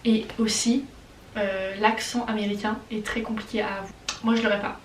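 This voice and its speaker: A young woman from France with a French accent, chatting casually and excitably as she answers viewer questions in a vlog. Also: medium pitch, normal speed, roomy sound, recorded from a distance, slight background noise. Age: young adult. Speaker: vlogger.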